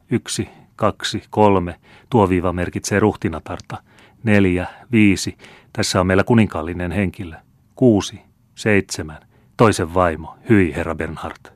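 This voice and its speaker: A man voicing an old female fortune-teller who reads palms in a teasing, blunt manner, counting slowly and deliberately. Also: low voice, dry recording. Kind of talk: audiobook character reading. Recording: dry close studio sound.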